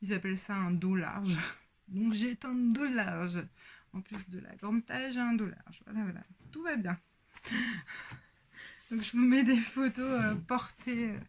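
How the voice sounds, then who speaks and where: Hesitant French woman, unhurried show-and-tell host, moves on and off mic. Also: on the high side, slight background noise. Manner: hesitant, many pauses and fillers. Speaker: sewing podcast host.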